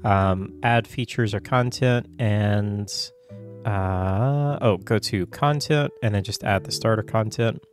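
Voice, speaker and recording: Man, low voice, getting over a cold, casual tutorial host, chatty, lots of fillers. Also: slow, soft background music. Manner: loose, chatty, many fillers and self-corrections. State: getting over a cold, coughing now and then. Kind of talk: casual screen-recorded software tutorial.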